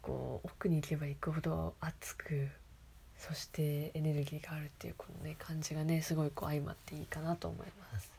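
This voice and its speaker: A woman speaks in a hushed whisper, her voice sitting a little low. She reads excerpts and then chats about them, breaking into small giggles. A faint hiss runs under the recording. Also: little pitch movement, fairly quick, creaky. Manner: soft whispering, frequent giggles. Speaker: host of a reading segment. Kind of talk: whispered reading and commentary.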